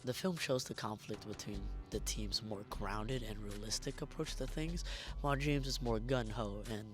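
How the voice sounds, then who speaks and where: A man reading a scripted video essay in a hoarse, strained voice that is giving out as he narrates. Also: on the low side, normal speed. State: hoarse, losing his voice. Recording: music behind the voice. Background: background music.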